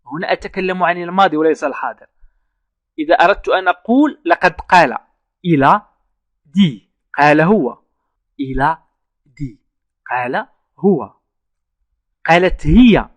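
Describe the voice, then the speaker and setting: Man slowly teaching French verbs. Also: a little high, expressive, no room sound. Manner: slow, repeats French phrases word by word. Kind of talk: online language lesson.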